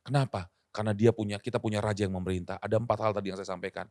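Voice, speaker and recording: A male pastor preaching a sermon. He swings between loud, emphatic scripture reading and soft, coaxing asides, and acts out imagined listeners in a casual voice. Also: lowish voice, fairly even intonation, very fast, no room sound, clean studio sound. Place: church livestream.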